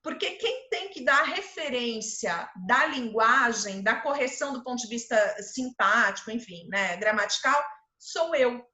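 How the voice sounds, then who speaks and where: Bright-voiced woman teaching. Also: a little high, animated, a little slow, echoey room. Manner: conversational, explains with examples and filler words. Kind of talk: informal lecture.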